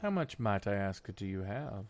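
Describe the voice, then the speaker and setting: A man voicing a creepy, overly polite male shopkeeper with a taste for flesh, speaking slowly and curiously. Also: on the low side, sing-song, faint music behind. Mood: sly salesman. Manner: slow, curious, oddly polite. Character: creepy soft-spoken male shopkeeper who eats people.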